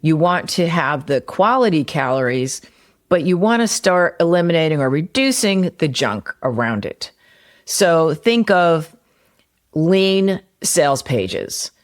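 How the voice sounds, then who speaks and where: A podcast host and copywriter who used to be a personal trainer explains marketing ideas on her solo show, using everyday examples in a conversational way. Her voice is deep and expressive, and she takes her time.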